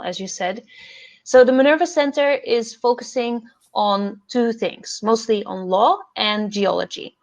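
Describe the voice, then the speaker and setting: Speaking at a medium pitch, a young Dutch PhD fellow and podcast host describes her career path earnestly on a video call, pausing often and leaning on plenty of fillers.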